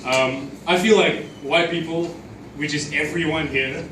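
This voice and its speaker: A man from Singapore performs a crude, profanity-filled stand-up set at an open mic night in a small comedy club. His voice is a little high and a bit bright, at a measured pace. The club audio sounds echoey and distant, with crowd noise.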